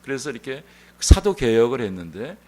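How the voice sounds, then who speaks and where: A male pastor preaching a Sunday sermon in an animated, conversational storytelling manner. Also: medium pitch, fairly quick. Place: church sanctuary.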